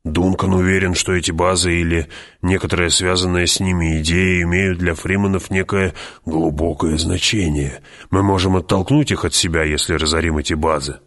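A man reading an audiobook, voicing a loyal advisor who speaks carefully and in measured warnings. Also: low-pitched, steady tone. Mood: cautious.

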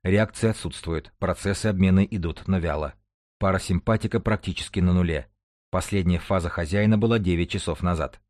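A man reading an audiobook, voicing a medical computer intelligence that reports in a flat, clinical way. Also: low-pitched, a little fast, no echo, clean studio sound, close to an everyday voice.

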